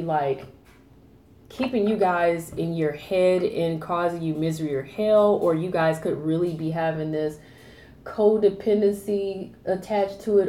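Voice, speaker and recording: Mellow-voiced woman reading tarot, echoey room. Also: lowish voice. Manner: rambling, repeats herself, lots of fillers. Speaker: tarot reader.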